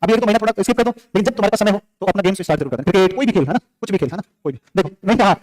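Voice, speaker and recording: A man's voice: high-pitched, very fast, darkish tone. A male teacher giving a classroom lecture, firing off questions and answering them himself, scolding and joking with the students in between. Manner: drills facts with repeated questions and answers.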